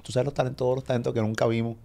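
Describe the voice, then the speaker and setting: A middle-aged man hosts a casual chat. He talks in an animated way, swears freely and acts out quoted lines. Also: medium pitch, very fast, vocal fry. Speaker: podcast host.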